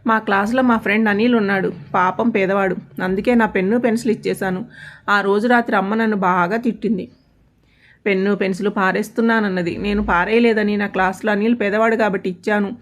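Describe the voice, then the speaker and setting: A woman's voice: mid-range voice, steady tone, fast talker, lightly acted. A woman doing an earnest young schoolgirl. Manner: earnest, pleading questions.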